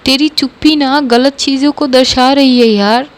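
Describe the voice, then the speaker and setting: A woman's voice: high voice, fairly even intonation, normal speed, lightly acted. A woman voicing an exasperated young woman who urges her friend to answer. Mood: urging. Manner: pushy, urging, mixes in English phrases.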